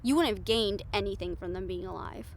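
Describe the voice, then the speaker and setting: A woman with a mid-range, natural voice speaks briskly, playing a bold, sarcastic, foul-mouthed reporter in an improvised audio roleplay. She is candid and conversational, exasperated, sighing and swearing, yet earnest and persuasive, with slight background noise.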